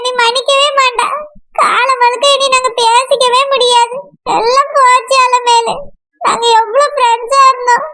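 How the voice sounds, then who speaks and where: A woman voicing a heartbroken young bride-to-be who laments slowly, with a Kanyakumari accent. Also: very high-pitched, bright, forceful tone. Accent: Kanyakumari Tamil. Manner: sorrowful, lamenting. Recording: noisy recording.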